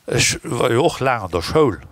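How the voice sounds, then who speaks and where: A man's voice: medium pitch, big pitch swings, moderate pace, a bit bright. A man speaking in an opinionated, conversational way during a conference discussion. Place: conference hall.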